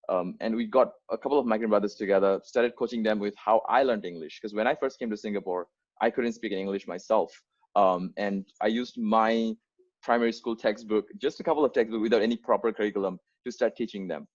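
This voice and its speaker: A young founder born in Bangladesh gives volunteers an unscripted onboarding presentation, speaking earnestly in a lowish voice, a little fast, with frequent fillers and restarted sentences. His English shows first-language influence, and the audio is muffled and lo-fi like a video call.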